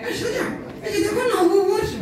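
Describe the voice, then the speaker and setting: Goofy schoolkid puppet, extremely high squeak, mischievous back-talk, live in an echoey hall. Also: male voice, fairly even intonation, brisk, a crowd in the background. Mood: curious, goofy. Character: cheeky naughty schoolchild puppet, slow at studies, argues back. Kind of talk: ventriloquist puppet comedy show. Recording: roomy echoing hall, distant mic, audience.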